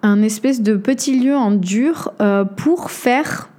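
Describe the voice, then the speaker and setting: Woman podcast host, first-person storytelling, animated delivery, frequent fillers, slightly high voice. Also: takes it slowly. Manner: animated, many hesitations and fillers.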